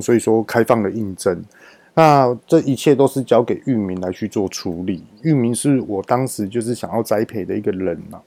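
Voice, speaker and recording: A man's voice: fairly low pitch, no echo. A man, a business owner telling a personal workplace story and acting out the dialogue in it. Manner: lively retelling that acts out quoted dialogue.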